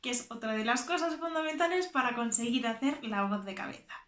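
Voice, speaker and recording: A woman from teaching a choir vocal lesson, explaining technique slowly and demonstrating sung exercises and animal sounds. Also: on the high side, animated, fairly bright tone, roomy sound, slight background noise.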